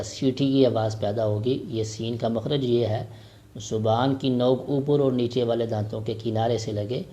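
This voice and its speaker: A man teaching a Quran recitation lesson, explaining rules and spelling out each syllable slowly before reciting the verse drawn out. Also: mid-range voice, dark tone.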